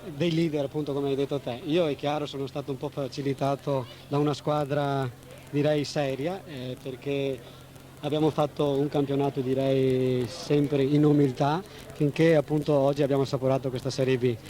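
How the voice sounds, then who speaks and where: A man's voice: medium pitch, flat delivery, moderate pace, dark tone, slight background noise. A man in his thirties, a footballer being interviewed on radio, talking modestly in simple, hesitant phrases. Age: 30s. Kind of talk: post-match radio interview. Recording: 1980s radio recording.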